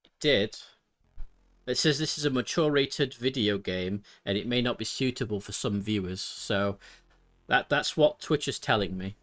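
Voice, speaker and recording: A man's voice: medium pitch, normal speed, fairly bright tone. Chatty, giggly male streamer. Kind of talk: casual live-stream chat.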